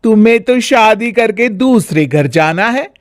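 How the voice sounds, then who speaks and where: Woman putting on a shrill, bossy young wife. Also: expressive, unhurried, no echo, clean studio sound. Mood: preening, bossy. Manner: shrill, scolding. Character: fussy, bossy young wife, always nagging.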